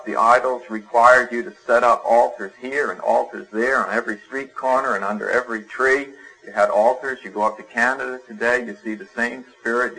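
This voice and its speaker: A man's voice: mid-range voice, bright, forceful tone, slightly rough, rough recording. Male preacher, conversational sermon. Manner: conversational preaching with fillers and homely examples.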